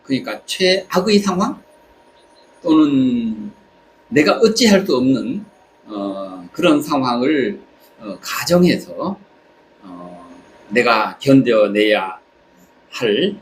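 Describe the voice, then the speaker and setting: A man from South Korea speaking a reflective personal monologue, haltingly, pausing between short phrases. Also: medium pitch, lively intonation, low-quality recording. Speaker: vlogger. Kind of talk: reflective spoken monologue while travelling. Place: on holiday in Southeast Asia. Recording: clear background ambient noise.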